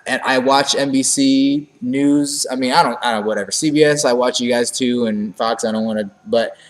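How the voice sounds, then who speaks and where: On a laid-back fight-sports talk show, this co-host meanders and then builds into forceful rants, his delivery occasionally flat and monotone. He has a medium-pitched voice at a moderate pace, recorded in what sounds like a large hall.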